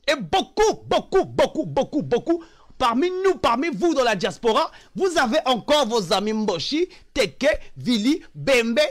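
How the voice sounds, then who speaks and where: An online commentator from the Republic of the Congo delivers an impassioned political monologue in a very high, animated voice that swings widely in pitch. He drives his points home by repeating phrases, then drops into low, weary, sighing asides.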